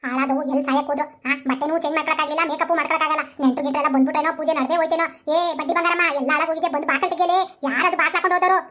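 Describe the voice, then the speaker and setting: A woman voicing a bossy, sharp-tongued old mother-in-law in an animated comedy, cursing in a rapid shrill way. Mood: scolding.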